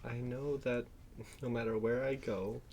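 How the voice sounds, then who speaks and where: A man roleplaying a gentle, reassuring friend who speaks softly and consolingly. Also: medium pitch, steady tone, a little slow, dull audio, a little hiss or hum, close to an everyday voice. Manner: soft and consoling. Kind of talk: in-character roleplay.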